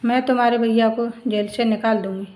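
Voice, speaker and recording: A woman's voice: a little high, steady tone, fairly quick, darkish tone, close to an everyday voice, poor audio. A woman voicing a hurt young married woman who speaks in a stern, firm way.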